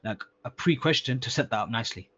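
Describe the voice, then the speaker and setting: A man's voice: mid-range voice, animated, fast talker, a bit bright, husky. Casual man coaching on a dull line. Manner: casual, repeats words, calls listener akhi. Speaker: sales mentor. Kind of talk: coaching call review. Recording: slightly dull lo-fi sound.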